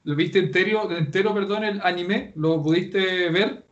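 A man's voice: high-pitched, unhurried. Man, Chilean accent, Japanese teacher, enthusiastic, restarts words, dull lo-fi sound. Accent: Chilean Spanish. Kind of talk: casual online class chat.

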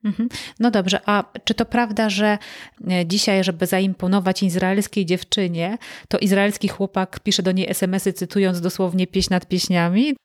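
A woman interviewer asking questions in an even, inquiring way. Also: mid-range voice, normal speed.

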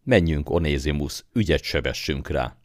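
Man reading haughty young master, clipped commands, very deep, dry, audiobook character. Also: dry recording. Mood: curt.

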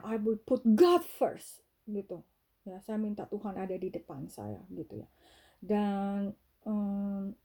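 A woman's voice: mid-range voice, mellow. A woman hosting a podcast, telling a personal faith testimony in a chatty way, full of fillers and mixed-in English words. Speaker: podcast host.

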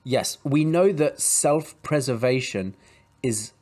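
A male podcast co-host chats casually about a book chapter in a slow, medium-pitched voice with a darkish tone. He sounds hesitant, restarting often, piling on fillers, and slipping in dry jokes.

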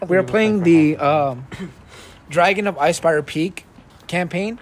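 Higher-voiced man running a tabletop game. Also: slow pace. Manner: casual, laughs often, explains with a few restarts. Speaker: dungeon master.

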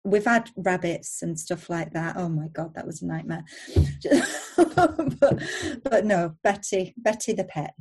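Husky-voiced woman chatting warmly. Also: on the low side, moderate pace, hardly any pauses. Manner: chatty, laughs easily. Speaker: guest. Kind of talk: casual chat.

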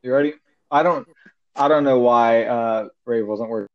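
A man's voice: medium pitch, moderate pace, no echo. A teenage boy co-hosting a casual podcast, rambling with a lot of "like", heard over a phone call. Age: teens. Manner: loose and rambling, lots of "like". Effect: heard over a phone line. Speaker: podcast co-host. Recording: muffled dry phone-call audio.

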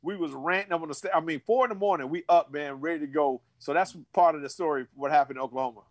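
A man in his fifties tells an old story in a high, lively voice. His delivery is full of slang and repeated words, and he acts out other people's voices as he goes. The recording is dry and close. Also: fast talker, no echo. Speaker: guest, former college football player. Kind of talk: animated storytelling.

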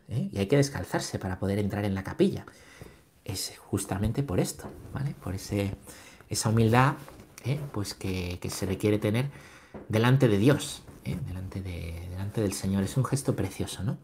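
A man's voice: fairly low pitch, darkish tone. A man gives a catechism lesson. He repeats key phrases and checks in with his listeners after each point. He reads passages aloud with rising emphasis. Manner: repeats phrases, tags lines with "¿vale?" and "¿eh?". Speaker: catechism teacher. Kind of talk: catechism teaching.

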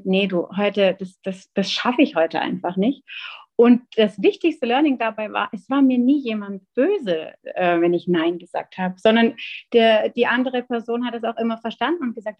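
A woman in her thirties, a guest in an interview, sharing a personal account in an earnest, thoughtful way with many filler pauses. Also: medium pitch, muffled recording.

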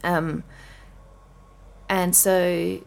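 A woman co-hosting a casual faith chat, talking reflectively and hesitantly, with many pauses and fillers. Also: lowish voice, little pitch movement, creaky. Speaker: podcast co-host.

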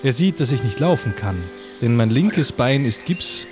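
Deadpan man reading over music. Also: medium pitch, a little slow. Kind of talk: mock-solemn poem reading. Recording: music playing under the voice.

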